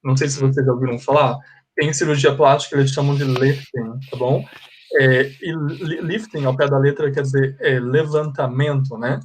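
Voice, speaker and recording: A man with a Brazilian Portuguese accent teaches an online English class, moving between Portuguese and English, patiently explaining, repeating the forms and checking in with students. His mid-range voice is steady and at normal speed, with slight background noise.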